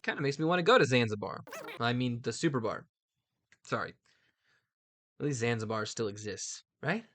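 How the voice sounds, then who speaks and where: Male American host, mid-pitched, rambling casual commentary with dry humor, recorded close with no room sound. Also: animated, moderate pace, pauses often, a bit bright, no echo, faint music behind. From United States.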